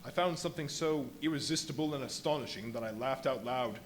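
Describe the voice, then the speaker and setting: A man playing a feverish, boastful scientist turned invisible in a live radio play, telling his story in dramatic, literary phrases with emphatic pauses. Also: mid-range voice, natural voice. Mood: gloating. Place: live performance at a brewery venue. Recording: live stage performance with audible background noise.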